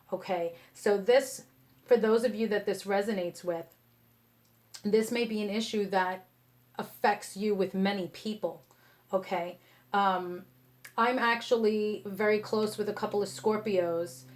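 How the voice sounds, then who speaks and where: Blunt New woman reading tarot. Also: medium pitch. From New York. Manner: blunt and passionate, keeps asking "okay?". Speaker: tarot reader. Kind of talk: casual tarot reading to camera.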